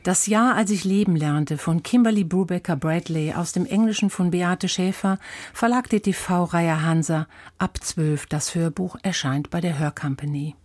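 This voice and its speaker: A woman's voice: fairly low pitch, normal speed, darkish tone, dry recording. A woman hosting a radio book program, introducing titles and asking a critic short, composed questions. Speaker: radio host.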